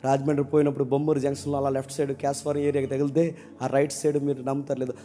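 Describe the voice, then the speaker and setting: A male pastor preaching a sermon who swings between loud outbursts and hushed asides and keeps asking the congregation questions. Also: medium pitch, flat delivery, racing. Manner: asks the congregation questions and calls for replies.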